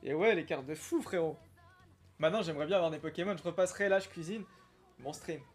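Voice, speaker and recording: A young man chatting casually on a live stream while opening trading card packs, reacting with excitement and greeting viewers by name. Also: on the high side, quick pace, soft background music. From Algeria. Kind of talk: casual live-stream chat reading comments.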